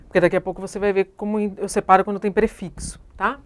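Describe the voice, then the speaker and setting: A female teacher with a Brazilian Portuguese accent delivers a grammar lesson at an ordinary, mid-range pitch. She explains step by step and keeps checking in with her students through short tag questions. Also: level tone, fast.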